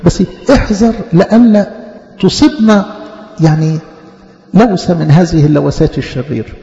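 A man's voice: on the high side, moderate pace, mellow. A man preaching a sermon in an Egyptian Arabic accent, teaching earnestly and repeating his points. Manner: earnest, repetitive teaching cadence with acted quotations. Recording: dull echoey church hall.

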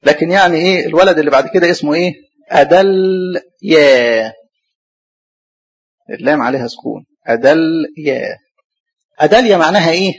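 Male Egyptian preacher, slightly high and husky, quick rhetorical Q&A delivery, dull lo-fi sound. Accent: Egyptian Arabic. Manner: asks rhetorical questions and answers them himself; spells out and repeats hard names slowly. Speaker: preacher teaching the Bible. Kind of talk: sermon, Bible study lesson. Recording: dull lo-fi recording.

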